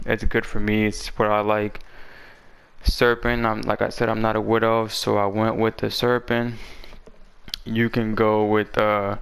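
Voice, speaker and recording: A man's voice: fairly low pitch, vocal fry, fairly bright tone, clean tone. A man talking casually and in slang as he presents a game build guide, his voice a little parched from being sick. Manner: informal, slangy talk.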